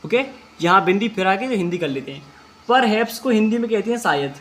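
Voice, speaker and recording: A man teaching an English class, reading English sentences slowly word by word and then explaining each word step by step. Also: high voice, animated, fairly bright tone, a little hiss or hum. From India. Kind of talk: classroom translation lesson.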